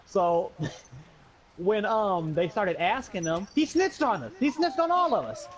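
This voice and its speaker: A young adult American man with a high voice and big pitch swings tells his friends a slangy anecdote a little slowly, playing out the dialogue as he goes. The recording is dull and lo-fi.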